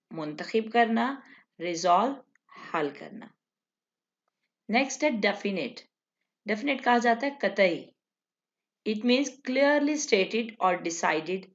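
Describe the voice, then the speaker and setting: Slow-paced woman teaching vocabulary. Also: medium pitch, highs cut off. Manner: slow, repeats each word and its meaning. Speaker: English teacher. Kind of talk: vocabulary lesson.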